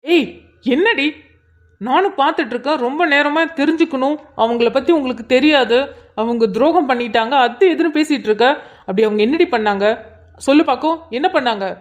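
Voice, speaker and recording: A woman voicing a hot-tempered young husband in a cartoon drama, scolding and sharp. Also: high-pitched, quick pace, natural voice. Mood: angry. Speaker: cartoon character voice.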